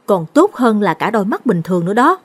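A woman voicing a chatty young female tea-stall seller, eager and gossipy, with a breathy voice. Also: medium pitch, sing-song, fast talker. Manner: eager, gossipy, hushed when confiding.

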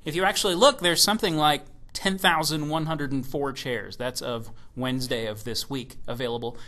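A man giving a recorded keynote presentation about software, enthusiastic and given to joking asides. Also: medium pitch, fairly even intonation, normal speed.

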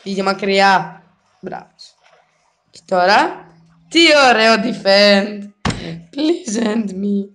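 Brief: male gamer, high-voiced, jumpy and self-mocking, English interjections while he plays. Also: long pauses. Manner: excitable, self-mocking, mixes English exclamations. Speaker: mobile game player. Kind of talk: gameplay commentary.

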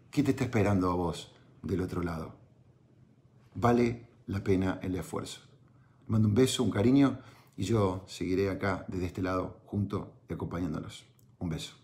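A man with an Argentine accent telling a personal story as motivational advice, chatty, often checking in with tag questions and restarting phrases. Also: lowish voice. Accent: Argentine Spanish. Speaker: entrepreneurship podcaster.

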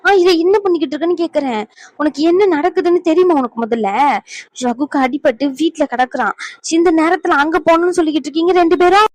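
A woman's voice: very high-pitched, quick pace, no room sound. Woman voicing an exasperated cartoon granddaughter. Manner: blunt, exasperated explaining. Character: exasperated young granddaughter, blunt and bossy. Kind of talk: cartoon family drama voice acting.

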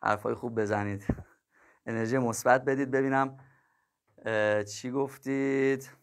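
A man's voice: mid-range voice, steady tone, clear, resonant tone. A male math teacher chatting casually with his students on a livestream, joking and laughing and calling them kids and dear ones. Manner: chatty, jokes and laughs with viewers.

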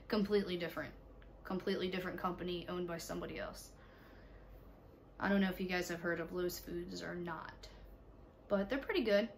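A young woman with a raspy, stuffy voice from allergies, chatting casually to viewers in a home vlog, tired. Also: lowish voice, brisk, long pauses, slight background noise. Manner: chatty, talks to viewers while ordering online. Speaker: vlogger, mother. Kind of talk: casual day-in-the-life vlog. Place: home, indoors.

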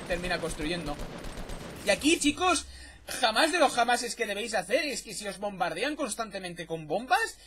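A man with a Spain Spanish accent commentating a game replay, chatty and excitable, swearing freely. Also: high voice, a little hiss or hum. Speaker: gameplay commentator. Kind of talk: replay commentary over gameplay.

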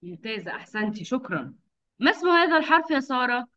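A woman with a high, very lively voice leads a lesson for young children. She sounds out each syllable patiently and slowly and praises often. The sound is dull and lo-fi, like a video call. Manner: patient, drawn-out enunciation with frequent praise. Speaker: kindergarten teacher.

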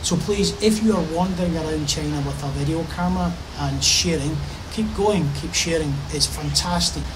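Speaking at a normal pace, this middle-aged man vlogs from a park's covered pavilion, his fairly high voice carrying a casual, enthusiastic energy. Background noise is audible, and he uses his hands a lot while talking.

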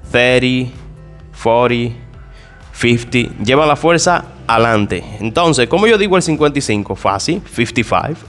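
A man teaching an English lesson in Spanish, explaining step by step and asking and answering his own questions. He talks directly to his listeners and drops to a lower, softer voice for each English example. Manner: addresses listeners directly and informally. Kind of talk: spoken language lesson.

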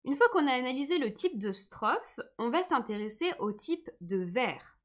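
A woman's voice: high-pitched, big pitch swings, moderate pace. A woman teaching a live online lesson, patient and encouraging, who says she is tired today. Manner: patient, encouraging, reads comments aloud.

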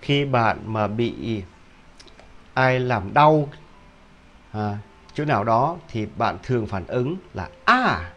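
A man teaching English pronunciation, repeating each word several times and often stopping to check with a quick question. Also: medium pitch, animated. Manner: drills words by repetition, with frequent rhetorical "hả?" checks. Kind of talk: video pronunciation lesson.

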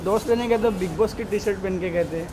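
Photographer with traffic roaring behind. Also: male voice, high voice, quick pace. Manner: friendly, prompting questions. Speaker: paparazzi photographer. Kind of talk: casual street chat. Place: city street, outdoors. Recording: loud street noise.

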